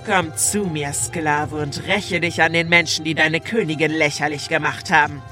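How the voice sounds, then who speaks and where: A woman's voice: deep voice, fairly even intonation, normal speed, pushed and bright, soft background music. A woman playing an undead mummy pharaoh queen in an audio drama, cruel and commanding with the grandeur of a demon lord. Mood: menacing. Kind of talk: audio drama villain acting.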